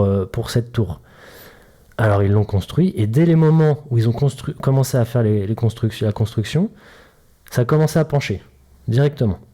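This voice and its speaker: A man's voice: medium pitch, dark tone. A man hosting a casual solo podcast as a mobility coach, chatty and joking, explaining things to the listener through homely analogies. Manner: chatty, jokey, addresses listener directly with analogies.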